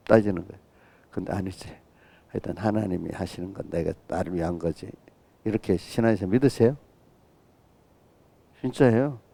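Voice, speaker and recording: A man's voice: on the low side, vocal fry, a little mellow, no room sound. A middle-aged man preaching an early-morning sermon as pastor, talking with the congregation and often asking "right?". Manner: acts out quoted voices of children and God in his own voice.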